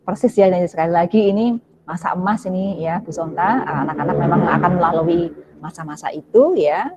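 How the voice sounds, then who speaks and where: A woman speaking on a video call, explaining child development gently and with many hesitations while answering a parent. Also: lowish voice, fairly quick, a little hiss or hum. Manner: gentle, hedging, many fillers and "ya" tags. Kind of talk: live webinar Q&A, explaining to a parent. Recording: dull lo-fi video call audio.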